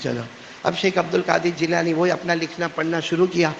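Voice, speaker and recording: A man's voice: on the high side, vocal fry, lo-fi sound, slight background noise. A male preacher telling a story in a sermon, calling on the gathering to answer him. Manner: lively, calls on the audience to answer. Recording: echoey hall with long reverb.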